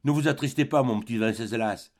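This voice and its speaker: Bossy, jealous old spinster read by a man, pitched up high, sharp and scolding, for a storybook reading. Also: very animated, normal speed, husky, heavily acted. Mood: coaxing.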